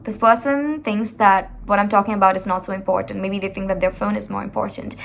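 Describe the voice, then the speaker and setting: A woman coaching communication skills, giving motivational advice in an expressive, animated way, speaking straight to the viewer. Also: medium pitch, fast talker, creaky, slight background noise.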